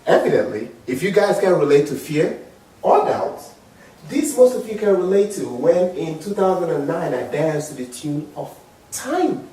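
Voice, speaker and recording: A man's voice: sing-song, moderate pace. A man in his forties with an African accent, giving a dramatic, emphatic motivational speech to an audience. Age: 40s. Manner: dramatic, emphatic, swings from low murmurs to loud high exclamations. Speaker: public speaker. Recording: very echoey hall, mic far off.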